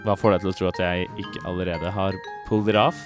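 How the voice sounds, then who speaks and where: A man's voice: low voice, level tone, over music. A man hosting a storytelling podcast in a dry, teasing way. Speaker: podcast host. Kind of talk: casual podcast chat.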